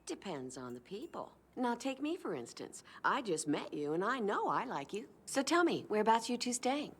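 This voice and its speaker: A young woman voicing a friendly, motherly, pregnant baker in an animated film, chatty and welcoming. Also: on the high side, moderate pace, husky.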